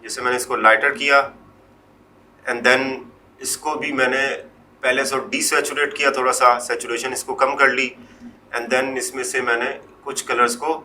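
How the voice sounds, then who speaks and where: A man presenting a screen-recorded Photoshop tutorial, explaining step by step in an unhurried way, often trailing off quietly and mixing English words into his Hindi. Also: medium pitch, level tone, slight background noise.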